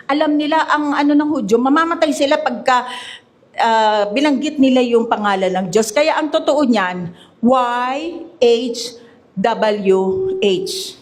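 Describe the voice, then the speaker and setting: A woman pastor preaching a sermon at a church service, mixing Tagalog and English and calling out "Amen?" to the congregation. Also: on the high side. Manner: preaching with call-and-response Amen; switches between Tagalog and English.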